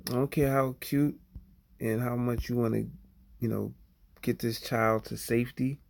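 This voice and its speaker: Gravelly man ranting on a livestream. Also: medium pitch, fairly even intonation, a little slow, darkish tone. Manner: rambling, blunt, full of "you know" and "okay?". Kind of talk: casual livestream monologue.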